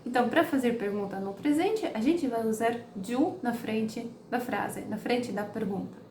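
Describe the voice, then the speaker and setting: A woman's voice: a little high, normal speed, a little mellow. A woman teaching an English lesson, carefully repeating each example sentence. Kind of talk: slow explanatory lesson. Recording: roomy with faint background noise.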